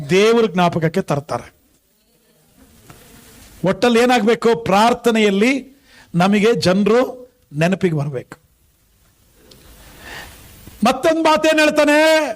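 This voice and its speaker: A male pastor preaching a sermon with a Kannada accent, asking the congregation many questions and calling out hallelujah. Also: very high-pitched.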